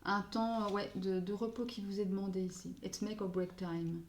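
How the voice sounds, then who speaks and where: A woman's voice: medium pitch, little pitch movement, moderate pace. A woman giving a casual spoken card reading, hesitant and searching for words, often slipping in English phrases. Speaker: astrology card reader. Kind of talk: casual spoken tarot guidance. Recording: echoey room.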